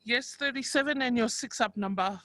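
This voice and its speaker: A woman's voice: fairly high pitch, fairly quick, bright, forceful tone, no room sound. A woman hosting a live bingo game, making set announcements and checking players' claims.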